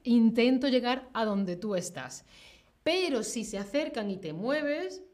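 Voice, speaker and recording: Slow, playful woman teaching Spanish. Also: a little high, lively intonation, darkish tone. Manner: slow, clear and playful, acting out examples. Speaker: Spanish teacher streaming live. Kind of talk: livestream language lesson.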